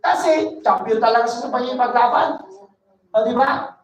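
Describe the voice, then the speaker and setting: A woman with a high voice preaches a Bible study to her congregation. She reads each verse slowly, then explains it in easy, conversational talk. Her voice echoes around a hall and sounds set back from the mic. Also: highs cut off. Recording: echoey room, voice from a distance.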